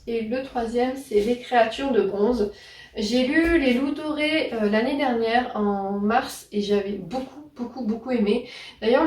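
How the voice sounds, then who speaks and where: Woman, chatty book vlog, fairly high voice, roomy echo, a bit far from the mic. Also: a little mellow. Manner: chatty, many fillers and self-corrections. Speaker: book YouTuber. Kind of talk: casual book haul vlog.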